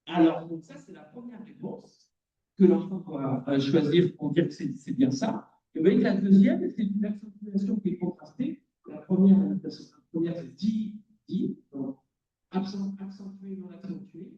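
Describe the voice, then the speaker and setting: A male lecturer gives a conference talk in a lecture hall and keeps putting questions to the audience. His voice is high for a man but dark and mellow in tone. It is picked up from a distance in a roomy space, with a dull, muffled sound. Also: animated, moderate pace. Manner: explanatory, quizzes the audience. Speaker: lecturer in cognitive psychology.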